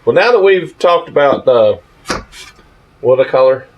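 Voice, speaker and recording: A man co-hosting a podcast in casual chat, chiming in with quick remarks. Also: medium pitch, animated, dull audio, slight background noise. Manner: chimes in with quick agreeing remarks. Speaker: podcast co-host.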